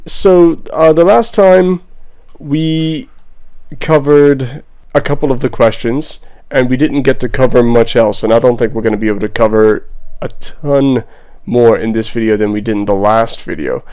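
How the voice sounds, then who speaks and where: Here a Bermudian-accented digital artist and vlogger speaks at a medium pitch and moderate pace, his voice smooth and a little mellow. His commentary is casual and rambling, laid-back and self-deprecating.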